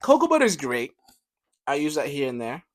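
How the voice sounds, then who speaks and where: A man's voice: a little high, wildly swooping pitch, fairly quick. A young man co-hosting a casual podcast chat, joking and laughing often. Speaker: podcast co-host.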